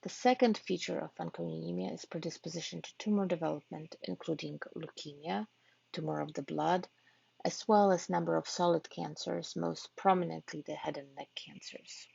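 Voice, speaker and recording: A woman from Poland who speaks Polish natively gives a research talk as a physician-scientist to patient families, her low voice heavily gravelly, husky and a little mellow. Her tone is steady, measured and earnest, broken by occasional hesitations over words. The audio is dull and lo-fi like an online talk, though without echo.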